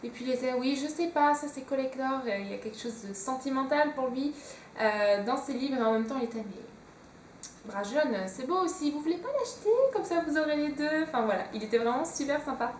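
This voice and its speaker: A young woman with a high-pitched voice chats casually and fairly quickly as a book vlogger, hesitating and using lots of fillers. She sits a bit off-mic and far away in an echoey room, with a little hiss or hum in the background.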